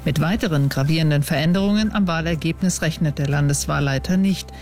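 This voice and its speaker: A man delivering a scripted radio news report in a formal, even way. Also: a little high, fairly quick, faint music behind.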